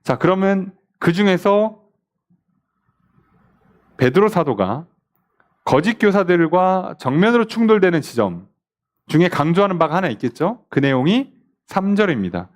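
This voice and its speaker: A man's voice: high-pitched, measured pace, long pauses. A man, a pastor, leading a midweek Bible study in church, asking the class questions and acting out the scoffers' words. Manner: animated, asks the class questions and mimics scoffers.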